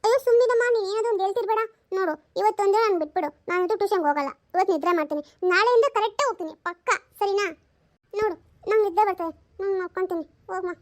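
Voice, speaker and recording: A woman's voice: very high voice, racing. A woman doing a whiny sleepy girl. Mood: pleading. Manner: whiny, pleading. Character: sulky sleepy young daughter, whiny girl. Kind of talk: comedy sketch acting.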